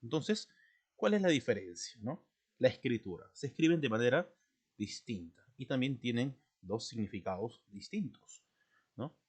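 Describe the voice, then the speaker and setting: A middle-aged man teaching a spelling lesson, speaking slowly and repetitively, often checking in with his students and clearing his throat. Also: mid-range voice, very animated. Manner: slow, repetitive, checks in with "¿no?" and "¿de acuerdo?".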